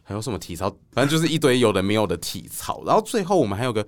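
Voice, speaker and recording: A man, a guest writer telling stories on a podcast in a loose, animated way, swearing and laughing freely. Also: mid-range voice, very fast. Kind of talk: casual podcast storytelling.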